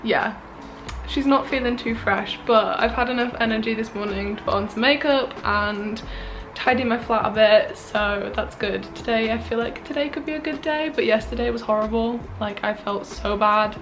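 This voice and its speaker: A young woman with a slightly high voice chats through a casual tour of her small flat. She sounds a little tired and unwell, with plenty of fillers as she points things out. It is filmed indoors on a handheld camera. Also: moderate pace, over music. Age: young adult. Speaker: vlogger. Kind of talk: casual room tour vlog.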